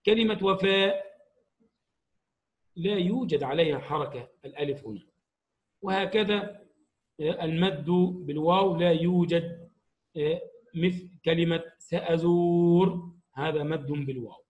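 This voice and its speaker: Male teacher with a high voice, patient and explanatory, stresses each example word. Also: a little slow, long pauses, rough recording. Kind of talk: grammar lesson for young pupils.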